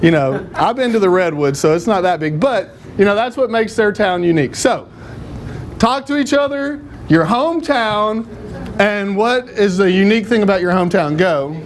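A man's voice: sits high, animated, normal speed, a little hiss or hum. A man teaching a church class in a casual, joking, rambling way. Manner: joking, rambling, self-deprecating.

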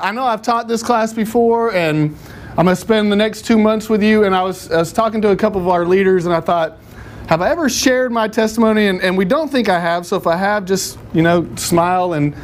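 A man teaching a church class in a casual, joking, rambling way. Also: sits high. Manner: joking, rambling, self-deprecating.

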